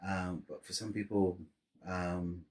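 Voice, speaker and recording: A middle-aged Samoan man speaks slowly in a low voice with little pitch movement. He's a podcast guest in a casual interview chat, rambling with lots of restarts and fillers and telling stories warmly, quick to laugh.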